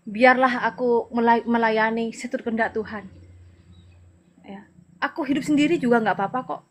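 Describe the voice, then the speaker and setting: A woman's voice: fairly high pitch, steady tone, moderate pace. A middle-aged woman from Madura, an evangelist, giving an earnest, emotional personal testimony and advising the listener directly. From Madura, Indonesia.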